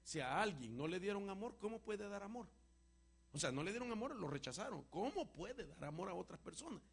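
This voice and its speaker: A man preaching and answering a question with a personal testimony, an emotional storyteller whose voice swings from loud to hushed. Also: high voice, very animated, fairly quick, gravelly, husky. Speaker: apostle answering congregation questions.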